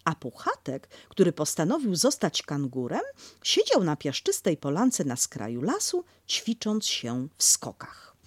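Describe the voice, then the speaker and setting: A woman narrating a children's storybook in an expressive, animated way. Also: low-pitched, measured pace, slightly rough, no echo.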